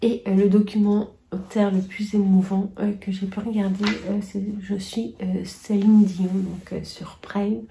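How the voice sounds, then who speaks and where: A middle-aged woman talks casually to camera, pausing on filler after filler and dropping now and then into a near-whisper. Her voice is dark and mellow, with a gravelly fry underneath. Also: medium pitch, flat delivery, a little hiss or hum. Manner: hesitant, many fillers, drifting into whispers. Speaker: booktuber sharing yearly favourites.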